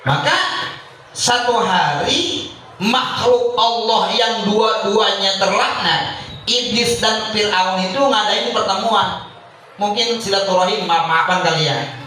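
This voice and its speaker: Male preacher, unhurried humorous sermon, far from the mic with faint background hum. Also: extremely high pitch, pushed and bright. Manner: jokey, chuckling storyteller, chanting Arabic phrases slowly. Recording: echoey hall from far off.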